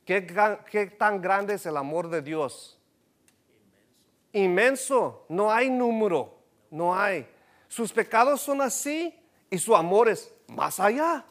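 A man's voice: sits high, slow pace. A man preaching a bilingual sermon, often asking his congregation questions and rising to emphatic bursts. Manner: switches between Spanish and English, asks the congregation questions; rises to emphatic, animated bursts. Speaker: pastor.

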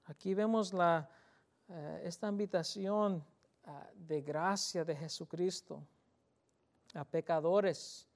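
A pastor delivers his sermon in a rather high male voice. He preaches earnestly, circling back over his words and slowing down to drive each point home. Now and then he slips into English for scripture. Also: vocal fry.

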